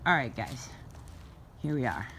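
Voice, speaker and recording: A woman's voice: rumbling low, very animated, measured pace, pushed and bright. A woman films herself on a handheld phone while she walks an outdoor winter cemetery. She talks loosely and thinks aloud as she goes, with frequent fillers, and sounds a little winded from the walk. A faint noise hangs in the background. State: slightly out of breath from walking. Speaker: author giving a tour. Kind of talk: casual walking vlog.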